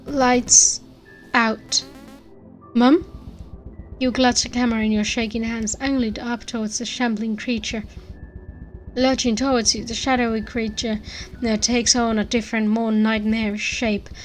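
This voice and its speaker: A woman with a fairly high voice narrates a story in the second person. She is dramatic and expressive in her emphasis, and music plays softly behind her. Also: moderate pace, poor audio.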